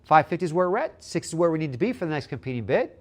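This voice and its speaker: A man's voice: fairly high pitch, big pitch swings, rapid-fire. A man working as an auctioneer at a live auction, calling bids in a repetitive patter and asking for the next one.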